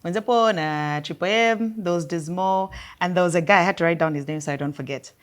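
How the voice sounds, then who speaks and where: A Zambian woman hosting a talk show, asking questions in a conversational way with a Zambian accent. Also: on the low side. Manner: quick, conversational, lots of backchannel. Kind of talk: interview questions.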